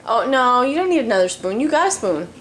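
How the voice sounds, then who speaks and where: A woman's voice: on the high side, big pitch swings, fast, slight background noise. A woman in a home video, coaxing her toddler in playful sing-song baby talk with lots of gasps. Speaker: parent filming her toddler.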